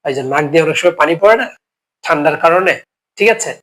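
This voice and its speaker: Male teacher with a cough, slightly high. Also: fast, fairly bright tone, rough recording. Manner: explains step by step with many check-ins, repeating each phrase. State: sick with a cough. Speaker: English teacher. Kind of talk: spoken English lesson.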